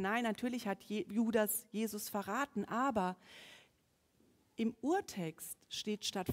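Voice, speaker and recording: Woman preacher, dramatic sermon delivery, long church reverb. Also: medium pitch. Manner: dramatic swings between soaring emphasis and hushed whispers.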